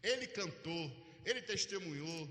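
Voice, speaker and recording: A man preaching a Pentecostal sermon, telling a story with lively acted-out dialogue that builds to shouting. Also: sits high, moderate pace. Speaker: pastor. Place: large church sanctuary. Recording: roomy echo with long hall reverb.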